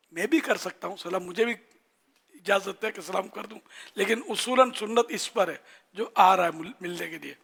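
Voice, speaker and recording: Older pakistani urdu guy giving a religious talk, gravelly voice, chatty teaching, slows down to show phrases. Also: sits high. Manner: conversational teaching, demonstrates phrases slowly. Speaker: religious scholar.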